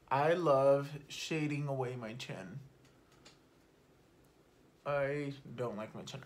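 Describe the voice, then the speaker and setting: A young woman talking casually through her makeup routine at home, chatty and unfiltered, swearing offhandedly and sometimes dropping to a soft murmur. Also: very deep voice, a little hiss or hum. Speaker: beauty vlogger. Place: at home, not in a studio.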